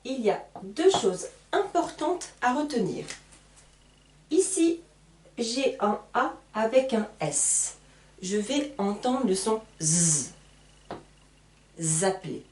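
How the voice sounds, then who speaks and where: Slow, lively teacher in echoey room. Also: female voice, fairly high pitch, far from the mic, a little hiss or hum. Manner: slow, deliberate, spells out sounds. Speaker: French teacher. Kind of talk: slow beginner French lesson at a whiteboard.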